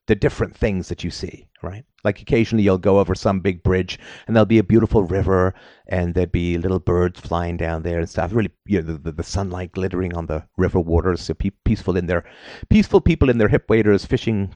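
A British-raised man hosts a call-in advice show, talking at length in a storytelling way and tagging his points with frequent "right?"s. His pitch is fairly low and a little mellow, in a dry recording.

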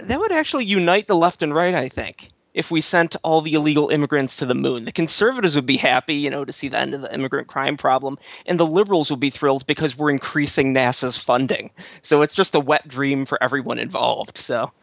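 A man's voice: fairly high pitch, brisk, gravelly, few pauses, a bit bright, dry recording. A man co-hosting a call-in show, wry and joking as he reads out listener questions. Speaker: co-host and producer. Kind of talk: call-in talk show banter.

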